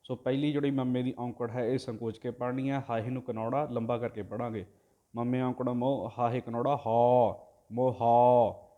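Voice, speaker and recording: A man of middling pitch teaches careful recitation, drawing each verse out slowly and loudly before explaining it. His voice stays fairly level throughout, with little rise and fall. Between verses he speaks softer and quicker, spelling out the vowel marks one by one. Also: fairly even intonation, narrow, tinny audio. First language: Punjabi. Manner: chants verses slowly and loudly, then explains pronunciation quietly. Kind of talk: line-by-line recitation lesson.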